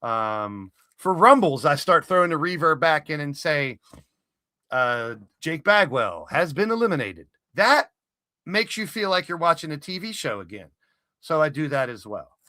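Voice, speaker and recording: A man hosts a live stream in a relaxed, chatty way, pausing on plenty of fillers as he walks through his points. His voice is bright and forward, and it sits a little above the usual pitch for a man. The sound is close and dry, with no room around it. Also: no echo. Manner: conversational, explains things step by step with many fillers. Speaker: stream host. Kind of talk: casual live-stream chat.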